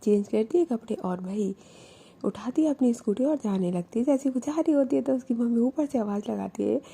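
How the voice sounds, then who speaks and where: A woman's voice: on the high side, fairly quick, vocal fry, warm tone, slightly rough. A young adult woman telling a love story in a casual, chatty way, with frequent English fillers.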